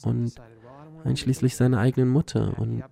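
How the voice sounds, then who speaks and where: A man's voice: medium pitch, little pitch movement, moderate pace, vocal fry, warm tone. A man telling his own story earnestly as personal testimony, often dropping in a filler "ja". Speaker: cancer survivor sharing his story.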